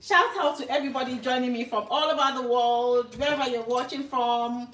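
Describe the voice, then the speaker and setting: A Nigerian woman hosts a casual cooking livestream from her home kitchen, chatting with viewers and greeting them by name. Her voice sits high and fairly bright, with even intonation and a brisk pace, while the roomy kitchen adds echo and slight background noise.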